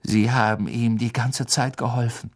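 A man's voice: mid-range voice, level tone, normal speed, lightly acted. A man doing an accusing teenage wizard boy. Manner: accusing, strained.

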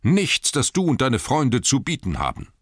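A man's voice: lowish voice, sing-song, normal speed, a bit bright, no room sound, voice pushed up. A man voicing a proud, furious male dwarf king in an audiobook, bellowing and commanding, with a dry close sound. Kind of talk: audiobook character voice.

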